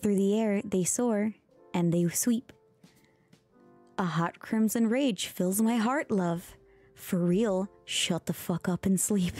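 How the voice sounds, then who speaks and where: A woman streamer giving a soft ASMR-style storybook reading, speaking gently, dipping into whispers and making mock-exasperated asides. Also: mid-range voice, takes it slowly, soft background music.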